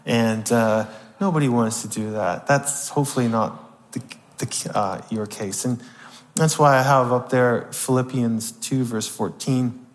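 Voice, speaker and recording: A man leads a relaxed Bible class and often checks in with his listeners. His voice sits at an ordinary middle pitch. A long reverb trails behind every phrase, as if he were recorded in a large hall. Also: unhurried. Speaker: Bible teacher. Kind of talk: informal Bible class teaching.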